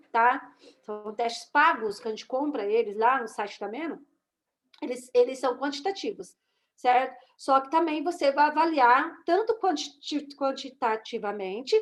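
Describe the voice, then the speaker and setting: Brief: high-pitched Brazilian woman, casual teacher explaining a test over slides, keeps asking the class "right?". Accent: Brazilian Portuguese. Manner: conversational, with frequent tag questions to the class. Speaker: teacher of a course on reading and writing assessment. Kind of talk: online lecture walking through slides.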